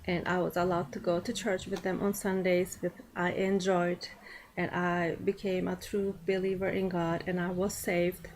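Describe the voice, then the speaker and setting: A woman giving a prepared personal speech to an audience in a class setting, speaking deliberately with frequent pauses and fillers. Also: lowish voice, little pitch movement, a little hiss or hum, poor audio.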